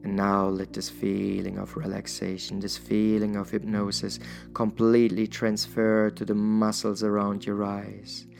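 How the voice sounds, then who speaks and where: Low, slow, creaky male hypnotist. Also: completely flat delivery, darkish tone, faint music behind. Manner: soothing, measured, with drawn-out pauses. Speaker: hypnotist guiding a listener. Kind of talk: guided hypnosis induction, soothing instruction.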